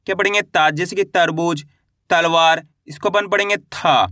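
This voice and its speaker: A man with a high, bright voice teaches the alphabet from the very basics. He asks a question, answers it himself, and draws out each syllable slowly for beginners to repeat. The sound is dry and close, with no room echo. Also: fairly even intonation. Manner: drawn-out syllable sounds for pronunciation.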